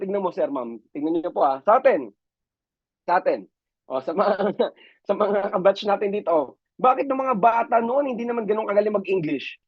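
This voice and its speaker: A man from the Philippines, a business mentor giving a lively motivational seminar talk and often addressing his audience as ma'am and sir. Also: sits high, breathy edge, no echo. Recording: dull lo-fi, dry sound.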